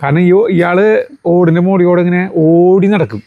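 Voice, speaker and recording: A man telling a local story in a casual family vlog, pausing often with fillers. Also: high-pitched, fairly even intonation, phone-quality sound.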